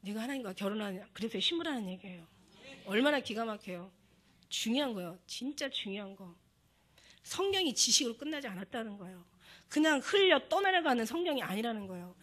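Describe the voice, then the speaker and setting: A woman's voice: medium pitch, animated, fast, fairly bright tone. A middle-aged woman pastor preaching a sermon with emotion, acting out prayers and God's words as she goes.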